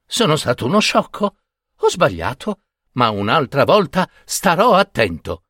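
A man's voice: fairly high pitch, wildly swooping pitch, measured pace, a bit bright, no echo, clean studio sound, pitched above the performer's own voice, exaggerated voice. A man voicing a foolish, naive young peasant who greets people in an eager, sing-song way.

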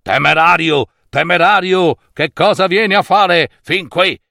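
A man's voice: high-pitched, unhurried, gravelly, sharp tone, no room sound, studio quality, voice pushed up, heavily acted. A man voicing a blustering fairy-tale wizard who wails and begs theatrically. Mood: menacing. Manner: wailing, theatrical.

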